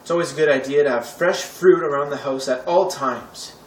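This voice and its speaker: A young man with a fairly high voice speaks fairly quickly while hosting a cooking tutorial in his home kitchen, chatty and offhand with wry asides. A distant camera mic picks up an echoey, noisy room, with pots and cutlery clattering in the background.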